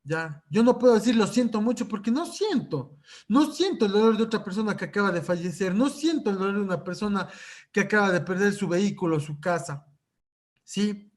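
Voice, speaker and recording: A man's voice: high voice, animated, fairly quick. A man lecturing at a conference on psychological first aid, checking in with his audience through frequent rhetorical questions.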